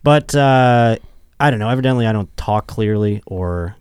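A man's voice: fairly low pitch, moderate pace, darkish tone, smooth, dry recording, studio quality. A young man hosting a podcast, chatting casually in a rambling, self-deprecating way and laughing often. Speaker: podcast host. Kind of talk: casual chat.

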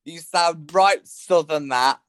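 A man's voice: a little high, slow pace, fairly bright tone, smooth, dry recording. A man with a British accent in casual comic chat as a guest, cheeky, sweary and full of slang. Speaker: drag performer, interview guest. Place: at home.

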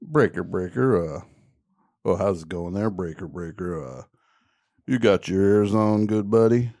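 A man doing a low, drawling CB radio trucker. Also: measured pace, darkish tone, dry recording, clean studio sound. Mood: laid-back. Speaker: radio show host.

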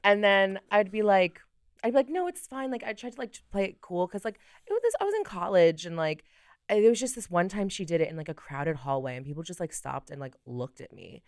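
A young drag performer chatting as a podcast guest, telling stories with lots of fillers and acted-out quotes, recorded on a studio mic. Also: female voice, fairly low pitch, expressive, a little fast, dry recording. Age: young adult. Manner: chatty storyteller, many fillers, acts out quotes. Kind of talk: casual podcast chat.

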